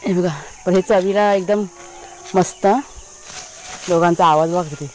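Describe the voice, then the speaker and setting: A woman's voice: on the low side, steady tone, unhurried, a little hiss or hum. A woman host with a Konkan Marathi accent, chatting casually in a village vlog, talking to her pets and her viewers outdoors.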